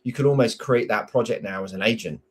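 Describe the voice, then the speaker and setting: A man's voice: lowish voice, fast talker. A man hosting an interview, asking questions and sharing anecdotes in a chatty, conversational way. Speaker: host.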